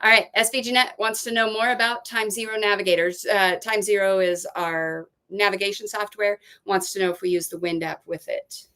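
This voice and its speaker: Casting note: woman, mid-pitched, easygoing live-stream co-host who reads viewer comments aloud. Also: level tone, fairly quick, few pauses, bright, forceful tone. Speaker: boat vlog co-host. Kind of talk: casual livestream chat.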